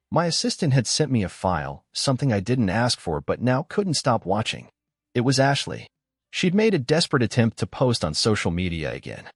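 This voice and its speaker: A man narrating a first-person story in a calm, measured, scripted way. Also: fairly low pitch, breathy edge, dry recording, clean studio sound.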